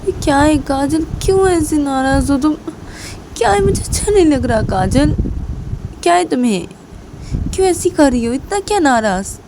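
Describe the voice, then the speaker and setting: A woman's voice: sits high, lively intonation, normal speed, noisy background, pitched above the performer's own voice. A woman voicing a pleading female college teacher who keeps coaxing her upset lover. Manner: coaxing, keeps asking "haan?".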